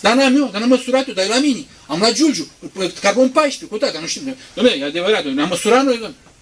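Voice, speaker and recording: Man putting on a high, shouting, jeering huckster who mocks and sells trinkets; brash and loud. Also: lively intonation, a little hiss or hum. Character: loud mocking male skeptic peddling holy soil.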